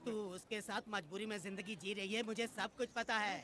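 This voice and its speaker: A man's voice: sits high, steady tone, a little fast, a little hiss or hum. A man dubbing a brash village man who pursues a married woman, speaking forwardly. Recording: loud music and crowd behind.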